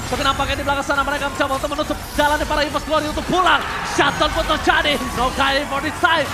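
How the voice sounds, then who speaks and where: Indonesian guy doing fighting game announcer hype, really high shouty voice, english catchphrases, music behind him. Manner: hyped shouting calls with drawn-out words; mixes English catchphrases into commentary. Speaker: esports play-by-play caster.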